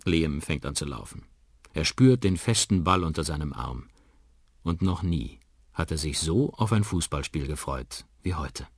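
A man narrating a children's story on the radio in an expressive, vivid way. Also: rumbling low, a little slow, slightly rough, no echo, clean studio sound. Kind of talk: children's audiobook reading.

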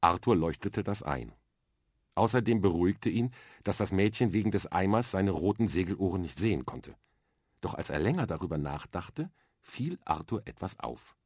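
A man reading a children's story aloud, with lively, expressive narration at a close studio mic. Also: sits low, moderate pace, breathy edge, no room sound. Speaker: reader.

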